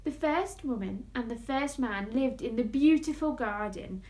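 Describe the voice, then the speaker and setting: Woman, children's storyteller, overbright party-host manner, very animated pitch, unhurried pace.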